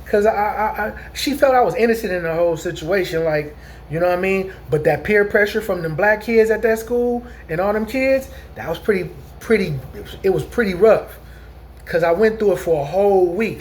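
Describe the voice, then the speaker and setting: A man near fifty talks straight to his audience in a loose, meandering vlog monologue. His voice sits unusually high for a man. He stumbles and restarts often, checking in with his listeners again and again, over a faint hiss of background noise. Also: moderate pace. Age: 40s. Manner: rambling, repeats "you know what I'm saying", frequent restarts. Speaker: vlogger. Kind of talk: casual storytelling monologue.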